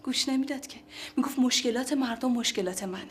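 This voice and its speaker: An actress playing a jealous, sarcastic ex-wife who mutters bitter remarks. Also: female voice, a little high, slight background noise, natural voice.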